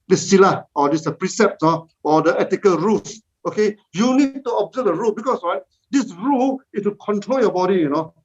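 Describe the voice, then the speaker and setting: Slow, halting Malaysian man teaching meditation. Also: high voice. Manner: halting, with many fillers and repeated words. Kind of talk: slow spoken instruction at a virtual gathering. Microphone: video call. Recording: dull lo-fi online call audio.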